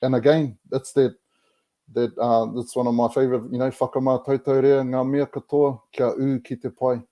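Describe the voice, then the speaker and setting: A man's voice: mid-range voice, level tone, normal speed, mellow. A man with a broad New Zealand accent talks in a casual, reflective way, very colloquial and mixing Māori words into his English. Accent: broad Kiwi, Māori New Zealand English. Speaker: podcast guest.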